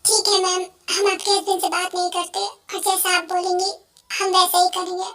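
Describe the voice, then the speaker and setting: A woman's voice: extremely high pitch, little pitch movement, normal speed, bright, forceful tone, exaggerated voice. A woman as a firm, formal doctor. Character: calm professional female doctor. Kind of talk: Hindi fan dub.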